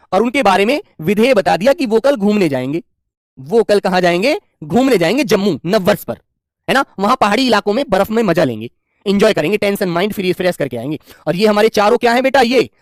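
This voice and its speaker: A man's voice: high voice, dry recording. Male grammar tutor, coaxing and reassuring with his students, stretches words out when dictating, dry close recording. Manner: affectionate and reassuring, keeps calling students "dear children"; dictates slowly word by word while writing. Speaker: Hindi grammar teacher. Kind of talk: online exam-prep grammar lesson.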